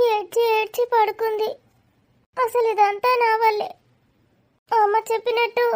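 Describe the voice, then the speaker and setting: A woman's voice: very high-pitched, a little mellow, voice pushed up. A woman voicing an anxious young cartoon character who blames themselves, talking in a worried, self-questioning inner monologue. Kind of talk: cartoon voice acting.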